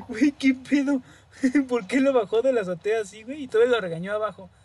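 A man co-hosting, giving excited, slangy reactions in casual chat. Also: extremely high pitch, brisk. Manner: excited, laughing slangy banter. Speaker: co-host.

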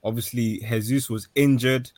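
A man's voice: mid-range voice, steady tone, moderate pace, a little mellow, no room sound. A man chatting casually as a football fan, recorded with slight background noise. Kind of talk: casual chat.

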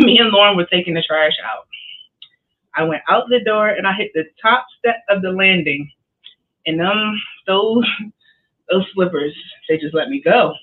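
A woman's voice: on the low side, slightly rough. A woman co-hosting a podcast, telling casual stories and laughing often as she talks. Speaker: podcast co-host. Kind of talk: casual storytelling. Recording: tinny phone-like line.

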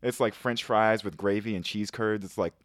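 A man's voice: on the low side, steady tone, normal speed, dry recording, clean studio sound. An American man co-hosting a podcast, telling rambling stories in casual chat with stumbles and restarts. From United States. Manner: rambling storyteller, stumbles and restarts, laughs as he talks. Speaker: podcast co-host.

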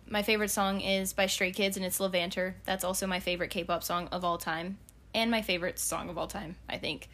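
Young woman co-host, mid-pitched, chatty and eager. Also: fairly bright tone. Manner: chatty, listing favorites with fillers. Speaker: podcast co-host. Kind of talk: casual chat.

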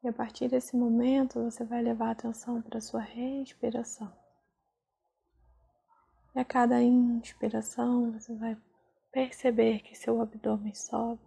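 A woman guiding a relaxation meditation, speaking very slowly and softly, often dropping into a whisper. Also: fairly high pitch. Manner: very slow, soft, breathy, drifting into whispers. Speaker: meditation guide.

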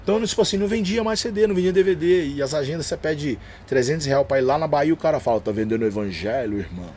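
A podcast guest from São Paulo, Brazil, who is a gospel rapper and preacher, tells stories in a casual chat at a quick clip, packed with slang and São Paulo Portuguese accent. His voice is fairly high, and he animatedly acts out the dialogue. Faint room ambience and slight background noise sit beneath him.

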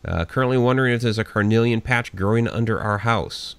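A man in his forties hosts a live internet radio show, working through thank-yous to listeners in an easygoing, chatty way. His voice sits low, with a gravelly edge over a smooth, resonant tone. The sound is close and dry. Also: a little fast, no room sound. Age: 40s. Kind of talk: casual live-show sign-off chat.

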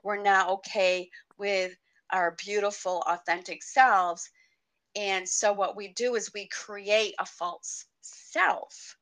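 A woman's voice: medium pitch, fairly even intonation, slow pace, fairly bright tone, rough recording. A woman sharing her personal faith testimony as a radio guest, earnest and heartfelt.

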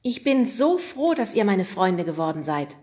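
Bubbly schoolgirl, bossy, gushing, high and bright, woman reading. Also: very animated, normal speed, close to an everyday voice.

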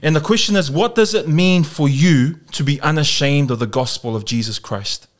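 Pacific islander kiwi guy hosting a church podcast, bit high voice, preachy phrasing with lots of uhs. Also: moderate pace. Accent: Pacific Islander New Zealand. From South Auckland, New Zealand. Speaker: podcast host.

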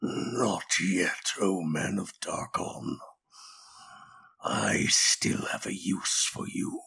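A man voicing an unearthly spirit that speaks through a possessed man, hollow, breathy and commanding in a tabletop game. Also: sits low, lively intonation, pushed and bright, voice pushed down, full character voice. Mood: ominous, commanding. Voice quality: hollow, unearthly, breathy rasping near-whisper. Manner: slow, commanding, ominous.

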